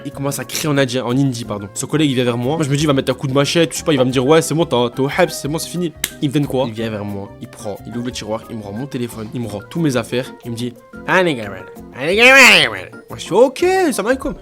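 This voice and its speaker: Young man telling a wild story fast. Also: faint music behind. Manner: animated, slangy storytelling that jumps into high excited voices. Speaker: streamer and vlogger. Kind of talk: storytelling on a live stream.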